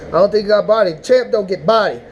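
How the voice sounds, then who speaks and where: A man casually recapping a rap battle, rambling and animated, with mock-emotional outbursts. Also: high voice, fast, highs cut off, slight background noise. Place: indoors, smoking while talking.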